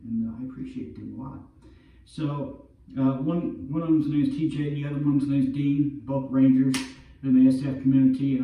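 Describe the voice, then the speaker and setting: A man's voice: mid-range voice, muffled recording. A middle-aged man talking casually and informally to a distant camera in an empty room, as a vlogger. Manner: informal, peppers talk with "look" and "all right". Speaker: vlogger and veterans' awareness campaigner. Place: empty carpeted room indoors. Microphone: far camera. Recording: roomy echo, distant camera mic.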